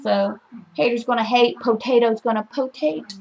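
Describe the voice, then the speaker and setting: A woman's voice: on the high side, moderate pace, creaky, a little mellow, poor audio. A young woman chatting casually in a home vlog, rambling with lots of "like" and swearing freely. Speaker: vlogger. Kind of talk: casual chat.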